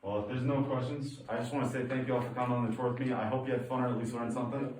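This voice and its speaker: A man's voice: medium pitch, fairly even intonation, racing, a little mellow. A man working as a cave tour guide, speaking informally and jokingly to a group, with cave echo around his voice. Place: inside a cave. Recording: cave echo, distant mic, background noise.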